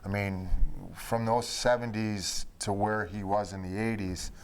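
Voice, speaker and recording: A man with a lowish, smooth and resonant voice, talking over old times with former teammates. He speaks in a loose, relaxed way, leaning on "you know" as he goes. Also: unhurried. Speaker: former hockey player. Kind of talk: reminiscing conversation.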